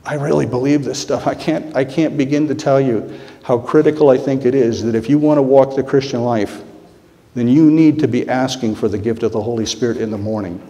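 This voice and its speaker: A man's voice: medium pitch, warm tone. A middle-aged man preaching a sermon as pastor, earnest and heartfelt, often repeating his key phrases. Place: church sanctuary. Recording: long reverb of a church hall.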